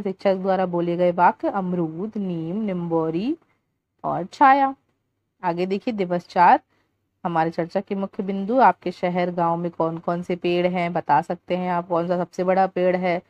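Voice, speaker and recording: A woman's voice: on the low side, a little mellow, dry recording. A woman teacher works through a children's workbook aloud. She reads out stories and questions, then answers them step by step. Her voice is dull and lo-fi, with a dry, close sound. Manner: deliberate, explaining, occasional restarts. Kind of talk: reading a school workbook aloud.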